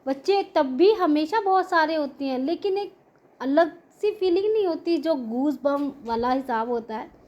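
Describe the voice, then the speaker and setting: High-voiced woman giving a grateful testimony. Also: lively intonation, unhurried, dull audio. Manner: earnest, grateful, heartfelt storytelling. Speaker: devotee sharing a testimony. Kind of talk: devotional testimony to a prayer group.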